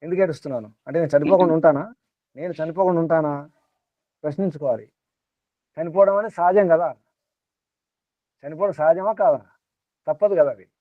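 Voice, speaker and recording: A man's voice: on the high side, fairly quick, long pauses, no room sound. A man teaching a small group in a spiritual talk, repeating his points and asking rhetorical questions. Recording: tinny phone-like dry sound.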